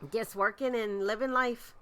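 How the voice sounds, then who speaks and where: A woman co-hosting a casual live stream, chatty and excitable, while sick with a cold. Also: on the high side, moderate pace. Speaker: live stream host and vlogger. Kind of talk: casual livestream chat.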